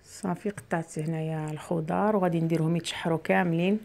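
A woman's voice: low voice, steady tone, quick pace, vocal fry, a little mellow. Moroccan lady chatting away while she cooks, home kitchen, mic on the counter, talks straight to the viewers. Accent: Moroccan Arabic. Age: middle-aged. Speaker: cooking channel host. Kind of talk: casual cooking vlog chat. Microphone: camera near the worktop, speaker mostly off frame.

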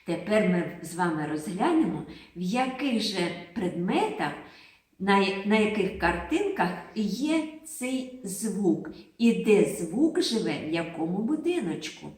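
A woman teaching a phonics lesson to small children, drawing out the sounds in a slow singsong way. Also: mid-range voice, very animated, darkish tone. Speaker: kindergarten teacher. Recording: very echoey room.

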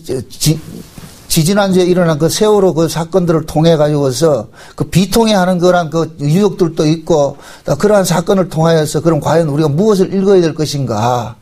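High-voiced man preaching a sermon. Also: mellow. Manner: rhetorical questions with frequent fillers. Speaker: pastor.

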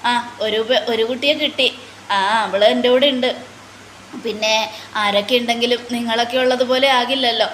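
A woman's voice: fairly high pitch, fairly even intonation, normal speed, a bit bright, roomy sound, slight background noise, close to an everyday voice. A woman voicing a homesick young woman away at police training, speaking in a tearful, plaintive way.

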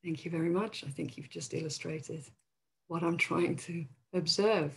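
A woman's voice: fairly low pitch, moderate pace, vocal fry, breathy edge, rough recording. A woman from the Netherlands with a Dutch accent, giving a thoughtful webinar presentation with frequent fillers over a video call. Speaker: academic presenter.

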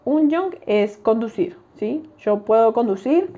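A woman's voice: on the high side, animated, slow, mellow, dull audio. A young woman casually talking through her language study notes, often checking in with listeners. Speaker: language-learning vlogger.

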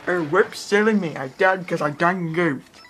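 Sitting in a room in front of the TV, a man records a playthrough on a handheld camera or phone aimed at the screen. His voice is high and fairly bright and his pace measured, while his casual commentary wanders and keeps circling back to the same phrases, over a little hiss or hum.

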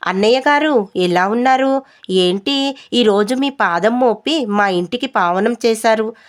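A woman's voice: fairly high pitch, measured pace, natural voice. A woman voicing a fussy, doting older mother-in-law who speaks with elaborate courtesy in a storybook tale. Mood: effusive. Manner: courteous, fussing.

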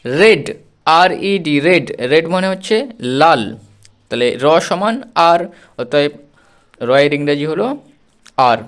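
Man slowly drilling a spelling lesson. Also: on the high side, expressive, fairly bright tone. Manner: slow, repetitive drilling, spells words out letter by letter. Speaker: teacher.

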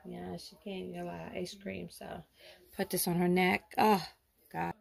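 Fussing woman with a gravelly voice. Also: fairly low pitch, flat delivery, normal speed. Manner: fussing, soothing, talks to viewers. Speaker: doll vlogger. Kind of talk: doll role-play vlog narration.

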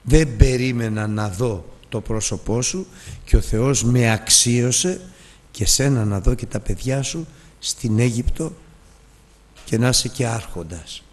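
A man teaching a Bible lesson as a sermon, telling stories with lively, emotional acted dialogue. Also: mid-range voice, in a large hall. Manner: emotional storytelling, acts out dialogue.

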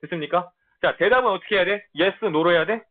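Male tutor, high and animated, casual blunt lecture, tinny phone-like audio. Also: brisk. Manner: casual blunt banter with students, frequent check-ins. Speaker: middle school English teacher. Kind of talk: online lecture.

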